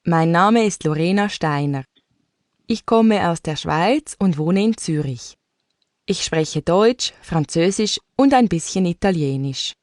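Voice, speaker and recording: Lady on textbook audio, slow careful reading, bit low, dry sound. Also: animated, darkish tone, no echo. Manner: clear, slow, carefully enunciated. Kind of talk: scripted textbook listening exercise.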